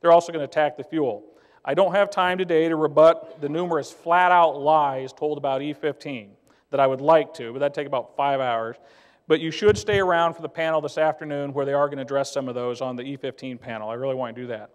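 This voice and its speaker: A man's voice: on the high side, fairly even intonation, brisk. A man giving an emphatic, plainspoken conference speech as a trade association director. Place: conference hall. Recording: long hall reverb.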